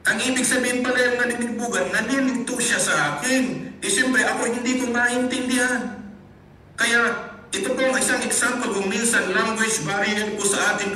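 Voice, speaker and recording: A Filipino pastor with a very high-pitched, pushed, bright voice preaches a sermon, teaching in a mix of Tagalog and English. He repeatedly calls out to his brothers and sisters in the congregation. The recording has an echoey room, a distant mic, and faint hiss.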